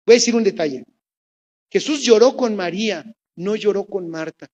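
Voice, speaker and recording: Brief: Mexican woman preaching, animated storyteller, direct questions to the listeners, mid-range voice. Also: mid-range voice, moderate pace. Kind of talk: sermon.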